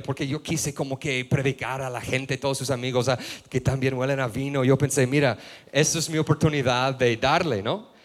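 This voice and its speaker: Pastor preaching, kinda high voice, chatty and loose, lots of restarts. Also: male voice. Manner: casual storytelling, slang-filled, many restarts and quiet asides. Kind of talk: sermon.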